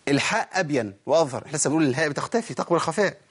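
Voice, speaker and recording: Egyptian man teaching recitation, slightly high voice. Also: lively intonation, a bit bright, slightly rough. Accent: Egyptian Arabic. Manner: asks rhetorical questions, drawls demonstration words slowly. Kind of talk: recorded recitation lesson.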